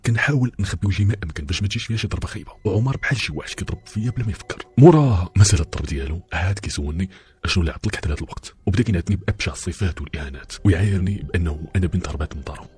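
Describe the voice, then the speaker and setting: A male storyteller with a Moroccan accent narrates in the first person, confiding in his listeners and speaking straight to them. His voice is deep and very husky. He talks at a breakneck pace. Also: a little mellow. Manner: confiding, addresses listeners directly.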